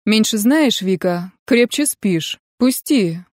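A woman voicing a frightened young male mage who speaks in quiet, halting pleas. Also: mid-range voice, lively intonation, dry recording, clean studio sound. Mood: sullen.

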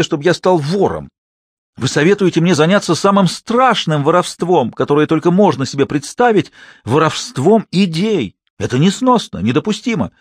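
A man's voice: fairly high pitch, breathy edge, no room sound, clean studio sound, voice pushed up. A man voicing a pompous, aging theatre manager who thunders with outrage. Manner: blustering, outraged.

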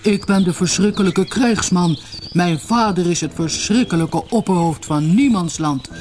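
A woman voicing a boastful caterpillar that poses as a terrible male warrior, speaking in slow, booming threats. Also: a little mellow, a little hiss or hum, close to an everyday voice. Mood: boasting.

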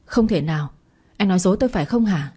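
A woman's voice: on the low side, lively intonation, quick pace, mellow, breathy edge. Woman reading as a cold, sneering jealous young woman. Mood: curt. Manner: curt, sneering.

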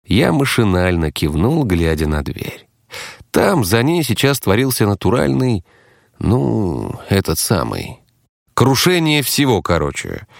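Lively low-voiced male audiobook narrator. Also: a little slow, gravelly, dry recording, studio quality. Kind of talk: first-person audiobook narration.

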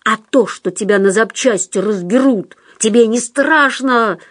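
A woman voicing a manipulative male psychiatric patient who talks in a low, insistent, conspiratorial way. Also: measured pace, husky, no room sound, clean studio sound. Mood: scheming.

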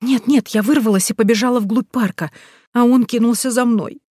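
A woman's voice: fairly high pitch, normal speed, husky, dry recording, clean studio sound, voice pushed up. A woman doing a scared, whispering teenage girl. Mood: tearful. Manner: pleading, tearful whispering. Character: frightened teenage schoolgirl hiding.

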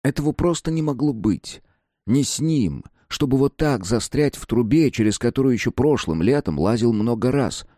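A man reading a story aloud in an expressive, dramatic narration. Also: mid-range voice, moderate pace, dry recording, studio quality. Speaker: audiobook narrator. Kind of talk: scripted narration.

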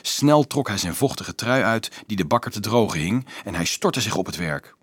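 A man narrating a novel in a steady storytelling manner. His voice sits fairly low. The recording is dry and close. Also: moderate pace, breathy edge, dry recording. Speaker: audiobook narrator. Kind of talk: scripted narration.

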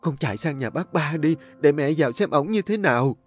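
A man voicing a desperate middle-aged mother who is fierce and tearful, with a high shrill pleading voice. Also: lively intonation, fairly quick, faint music behind. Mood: tender, urging.

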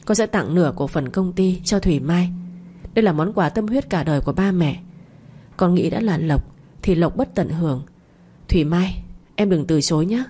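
A woman's voice: on the low side, moderate pace, mellow, slight background noise, lightly acted. A woman voicing a generous elder brother announcing a gift to his sister. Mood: cheerful. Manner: decisive.

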